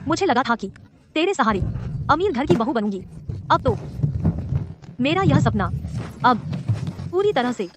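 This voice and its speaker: An actress playing a sharp-tongued, money-minded young wife in a dubbed drama, brash and mocking. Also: female voice, high-pitched, big pitch swings, unhurried, pauses often, heavy background noise. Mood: exasperated. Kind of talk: Hindi drama dub.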